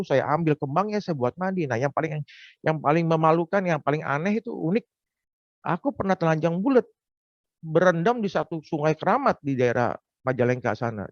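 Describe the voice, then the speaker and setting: A man's voice: on the high side, animated, brisk, dry recording. A man giving a personal testimony in a frank, confessional storytelling manner. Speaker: testimony speaker. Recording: dull, dry lo-fi recording.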